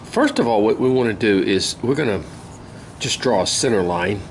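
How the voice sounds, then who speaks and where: An older woodcarving instructor with a fairly low voice, hoarse from a cold, casually talks through a carving demonstration. His manner is easygoing, folksy, and unhurried with many pauses, and steady outdoor ambient noise runs throughout.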